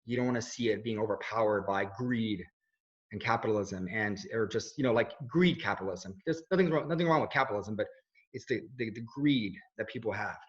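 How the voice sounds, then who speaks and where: Dull lo-fi audio captures a casual conversational interview with a video journalist in his thirties, raised in Switzerland and speaking with no accent. His voice is on the low side and a little fast, and he rambles earnestly, restarting often and leaning on fillers.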